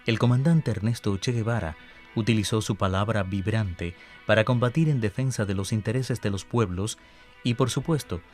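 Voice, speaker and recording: A man with a Cuban accent reading a scripted historical radio series in a measured, formal way. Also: on the low side, darkish tone, soft background music. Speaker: radio announcer.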